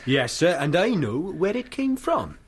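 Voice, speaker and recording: An actor playing a naive, earnest young watch constable, eager and polite. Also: male voice, high voice, big pitch swings, unhurried, a little hiss or hum.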